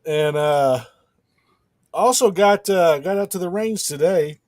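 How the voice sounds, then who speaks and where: A man's voice: high voice, takes it slowly, a little mellow, dry recording, studio quality. A man sick with a cough, chatting casually and laid-back on a podcast. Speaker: podcast co-host.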